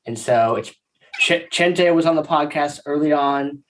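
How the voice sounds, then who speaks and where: A man in his thirties hosts a podcast, talking in a relaxed, upbeat and friendly way. His questions ramble a bit. He's heard through a video call mic. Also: a little high, a little slow, a little hiss or hum. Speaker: podcast host. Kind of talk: casual interview chat.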